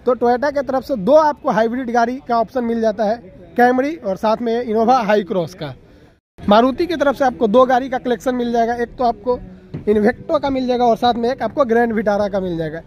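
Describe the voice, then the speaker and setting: Touring the outdoor expo grounds for a walkaround vehicle review, this young auto vlogger from Bihar, India, speaks in a high, slightly mellow voice at a moderate pace. Chatty throughout, he keeps calling viewers brother, and the audio from his arm's-length phone camera sounds dull.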